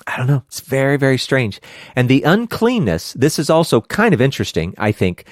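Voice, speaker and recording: A man co-hosting a casual Bible study podcast, animated and quick to laugh, with hammy outbursts. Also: medium pitch, no room sound, clean studio sound. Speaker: podcast co-host teaching scripture.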